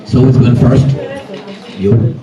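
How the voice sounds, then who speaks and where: A man's voice: medium pitch, fairly even intonation, slow. A man hosting a youth contest on stage, hyping the crowd and calling contestants up. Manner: hype, rallying the crowd. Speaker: host. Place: large hall. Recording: roomy hall from far off with music and crowd.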